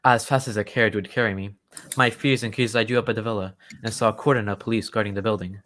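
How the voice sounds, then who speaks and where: An actor playing a genial, loyal and excitable English gentleman doctor who tells stories in old-time radio drama style. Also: on the low side, quick pace, natural voice. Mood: earnest storytelling. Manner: genteel, old-fashioned storytelling.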